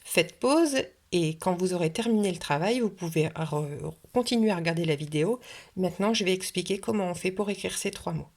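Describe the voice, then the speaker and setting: A woman's voice: lowish voice, brisk, a little mellow. A woman teaching a video phonics lesson for young children, patiently sounding out each syllable. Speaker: kindergarten teacher. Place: French classroom or home, recorded for video.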